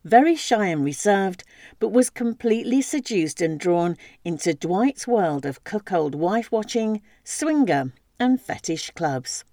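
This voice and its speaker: A woman narrating a story aloud with steady, lively storytelling. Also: mid-range voice, unhurried, dry recording, clean studio sound.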